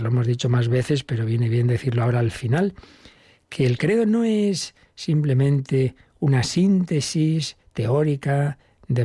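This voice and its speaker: Calm priest with a mellow husky voice. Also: male voice, medium pitch, no echo, clean studio sound. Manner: unhurried, repeats key phrases, warm emphasis. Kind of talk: catechism teaching talk.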